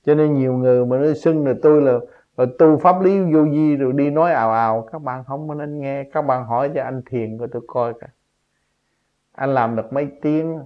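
Man, spiritual teacher, emphatic preaching, rhetorical questions, muffled lo-fi recording. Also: fairly quick. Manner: emphatic, rhetorical questions, pitch jumps up on key points. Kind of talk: spontaneous religious teaching talk. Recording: dull lo-fi recording.

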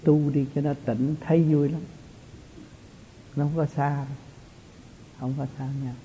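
A man's voice: a little high, fairly even intonation, a little slow, warm tone, a little hiss or hum. A man, a spiritual teacher giving an informal, chatty talk to his followers and chuckling often. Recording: tinny lo-fi recording.

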